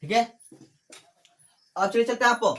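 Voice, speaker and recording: A male teacher explains grammar at a steady classroom pace. He repeats words as he goes and poses questions that he then answers himself. Short fillers keep the explanation moving. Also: extremely high pitch. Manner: repeats phrases, asks and answers his own questions; fills pauses with "ठीक है" and "आपको".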